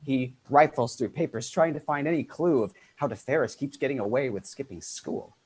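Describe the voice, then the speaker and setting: Husky narrator reading stage directions briskly at a casual table read. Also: male voice, medium pitch, a little mellow, low-quality recording. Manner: brisk, matter-of-fact. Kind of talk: unrehearsed script read-through.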